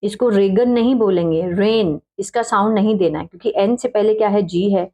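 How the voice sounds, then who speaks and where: A woman teaching English spelling slowly, spelling out letters one by one and repeating each word with frequent check-ins. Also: medium pitch, dark tone. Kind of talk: slow step-by-step spelling lesson.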